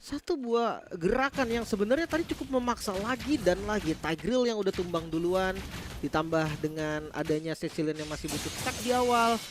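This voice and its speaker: An Indonesian-accented man giving live commentary as an esports shoutcaster. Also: sits high, brisk, background noise.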